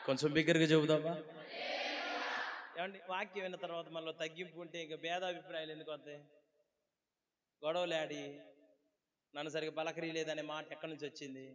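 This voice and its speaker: A male pastor delivering a sermon, asking the congregation rhetorical questions and moving between quiet pleading and loud exclaiming. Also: fairly high pitch, flat delivery, quick pace, pauses often. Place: church hall. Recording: long hall reverb.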